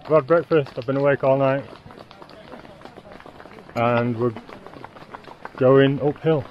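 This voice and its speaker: A man's voice: mid-range voice, steady tone, takes it slowly, highs cut off, a little hiss or hum. A man in his thirties vlogging to a handheld camera outdoors on a mountain trail, upbeat and a bit out of breath. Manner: breathless, cheerful, upbeat commentary while hiking. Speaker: travel vlogger. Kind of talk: casual vlog narration to camera. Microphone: action camera held at arm's length.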